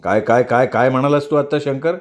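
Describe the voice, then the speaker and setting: A male storyteller voicing a bossy middle-aged boss who talks in a gruff, growling way. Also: mid-range voice, a little fast, lightly acted.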